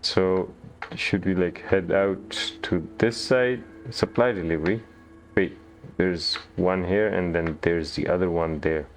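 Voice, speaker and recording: Gamer guy, very low voice, laid-back play-by-play with hesitant restarts, faint music under it. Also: slow pace. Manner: relaxed, thinking aloud, hesitant restarts. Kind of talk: gameplay commentary.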